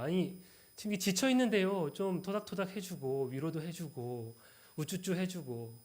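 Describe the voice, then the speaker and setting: Young man, preacher, church sermon, fairly high voice, emphatic bursts and hushed tender passages. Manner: swings between loud emphatic lines and soft, low tender passages.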